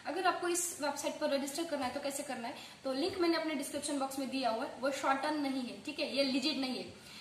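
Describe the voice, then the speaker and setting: A woman hosting an online earning tutorial, talking quickly and casually to her viewers and dropping English phrases into her speech. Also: high-pitched. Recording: echoey room with faint background noise.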